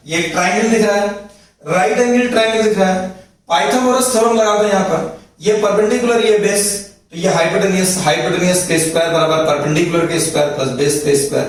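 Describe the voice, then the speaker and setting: A man with a slightly high voice lectures on physics, walking through each step and asking if it is clear. He sounds far from the mic in a strongly echoing room with faint noise behind him. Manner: explains step by step, repeats points, asks checking questions. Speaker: physics teacher. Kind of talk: classroom lecture at a board.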